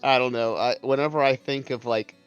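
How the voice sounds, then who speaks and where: A man's voice: mid-range voice, steady tone, brisk, clear, resonant tone. A man chatting casually in a tabletop role-play game, hesitantly piecing his thoughts together aloud. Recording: dull lo-fi mic with music behind.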